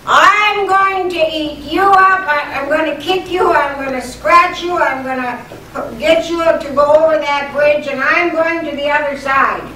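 A woman's voice: high voice, fairly even intonation, normal speed, pushed and bright. A woman voicing a big, tough billy goat who boldly threatens a troll while reading a storybook aloud. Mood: threatening. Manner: bold, threatening. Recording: roomy, distant, faint hum.

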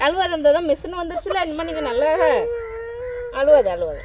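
Woman visitor, soothing repeater, very high voice, busy crowd behind. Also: sing-song, brisk. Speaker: visitor comforting a girl.

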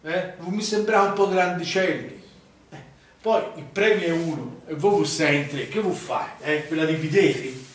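A man's voice: fairly high pitch, moderate pace, lightly acted. A middle-aged man playing a grumpy, put-upon householder in an amateur comedy sketch, challenging others in a Tuscan accent. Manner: tags questions with a challenging "eh". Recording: very echoey room, far from camera mic.

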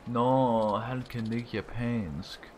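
A man's voice: mid-range voice, fairly even intonation, darkish tone, slight background noise. A young man streaming a game live, reading dialogue aloud, swearing and laughing as he plays. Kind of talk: casual live game commentary.

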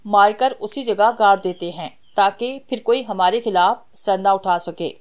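A woman's voice: mid-range voice, a little slow, close to an everyday voice. A woman voicing a frightened, angry male station master in a storybook horror tale. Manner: harsh, agitated.

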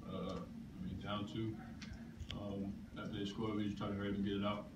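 A young man, a college basketball player, answering post-game questions in a low-key, halting way at a press table. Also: level tone. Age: young adult. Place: press room, seated at a table. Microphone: table microphone. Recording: echoey room, distant mic, loud noise.

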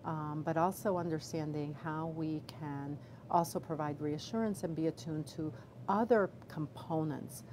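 A middle-aged woman obstetrician gynecologist answering questions in a live video Q&A, measured and full of fillers and restarts. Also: sits low, fairly even intonation, a little mellow, low-quality recording. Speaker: obstetrician gynecologist, chief medical officer. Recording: background noise.

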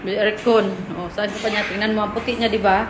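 A woman's voice: mid-range voice, flat delivery, a little fast, heavy background noise. A woman vlogger giving a teasing, playful house tour, laughing often as she chats.

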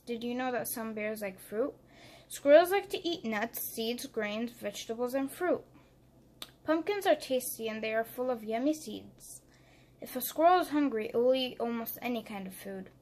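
A woman reading a children's picture book aloud, clear and expressive as she tells the story. Her voice sits a little high. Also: moderate pace, slight background noise. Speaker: narrator. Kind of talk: children's read-aloud narration.

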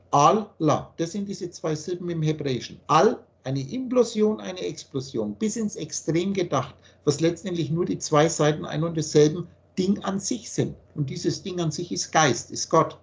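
A man giving an earnest philosophical teaching monologue on a video call, slowing down to stress key points. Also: high voice. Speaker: spiritual teacher.

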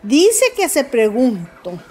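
A woman's voice: on the high side, big pitch swings, slow, mellow, slightly rough, faint music behind. A woman hosting celebrity gossip commentary, telling the story in a dramatic, mocking way and calling her viewers family.

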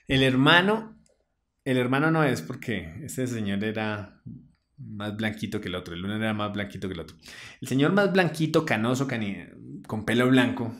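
A Colombian-accented man recounts a personal story. He talks at a middle pitch, slangy and animated, looping back over his own phrases. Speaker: vlogger. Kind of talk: personal anecdote.

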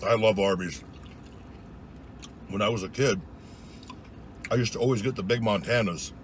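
A man's voice: moderate pace, a little hiss or hum. A young man reviewing food in a casual, joking way, talking while chewing with his mouth full in a parked truck. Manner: loose and joking, low-key asides. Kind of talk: casual vlog monologue.

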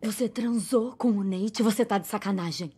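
A woman with a Brazilian Portuguese accent dubbing a betrayed teenage girl in a TV drama, sharp, scornful and explosive. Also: medium pitch, normal speed, slightly rough, close to an everyday voice. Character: furious betrayed teenage girl, fierce and cutting. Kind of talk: dubbed TV drama.

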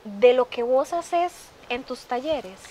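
A woman's voice: high voice, lively intonation, slow pace, mellow. A woman hosting a television interview show, asking questions and giving encouraging, motivational words straight to the viewers. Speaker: TV show host.

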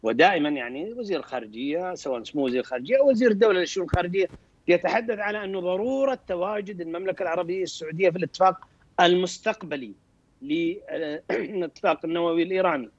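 Man, military commentator on a talk show, rapid, hesitant with restarts; somewhat high voice over a dull, dry remote link. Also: no room sound. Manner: hesitant, many restarts and throat clearing. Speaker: military expert guest.

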